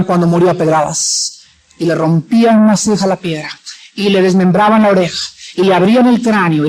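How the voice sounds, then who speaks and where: A man preaching a sermon in a church, dramatic, acting out quoted voices and moving between loud and soft. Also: sits high, low-quality recording.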